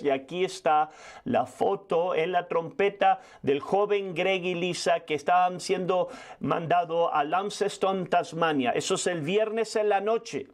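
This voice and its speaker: Older male preacher, high voice, rapid testimony-style sermon with restarts. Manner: fast storytelling with frequent restarts.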